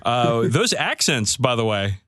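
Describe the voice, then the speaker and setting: A man co-hosting a podcast, wry and quick, laughing between jokes. His pitch sits in the middle for a man. The recording is dry and close. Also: sing-song, fairly bright tone, no echo. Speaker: podcast co-host. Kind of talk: casual podcast chat.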